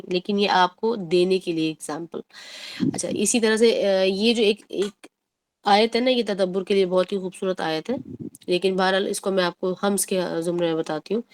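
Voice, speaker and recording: Lady tutor explaining quran recitation rules, stretches words out slow when showing them, drops english words in. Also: mid-range voice. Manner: explains patiently, drawls recited words slowly to demonstrate; mixes English words into her talk. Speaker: tajweed teacher. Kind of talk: online tajweed lesson.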